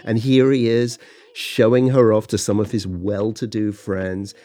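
A man co-hosting a scripted podcast conversation in a relaxed, reflective way. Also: on the low side, measured pace. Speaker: podcast co-host. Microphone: studio microphone.

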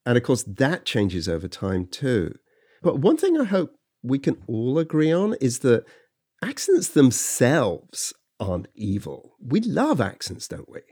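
A man co-hosting a scripted podcast conversation in a relaxed, reflective way. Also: medium pitch, unhurried. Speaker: podcast co-host. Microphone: studio microphone.

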